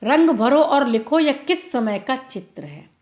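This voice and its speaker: A woman teaching an online class for young children, drawing words out slowly and often checking in with the pupils. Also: high-pitched, expressive, a little mellow. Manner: slow, drawn-out word-by-word reading, tag questions to pupils. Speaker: primary school teacher.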